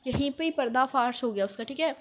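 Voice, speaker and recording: A woman's voice: sits high, a little hiss or hum. A young woman telling a school story in a storytime vlog, acting out what people said and dropping in English phrases. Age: young adult. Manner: animated, acts out quotes, mixes in English phrases. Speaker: vlogger.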